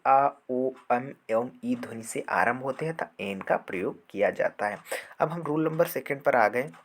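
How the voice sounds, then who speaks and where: Man teaching grammar, repeating sounds. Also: medium pitch. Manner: explains patiently, repeats words and sounds, asks and answers his own questions. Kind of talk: grammar lesson.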